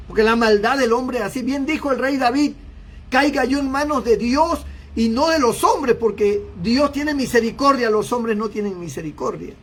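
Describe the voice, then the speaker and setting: A male pastor delivers an impassioned sermon and acts out the voices of a shouting crowd. His voice sits unusually high for a man. It has a husky edge.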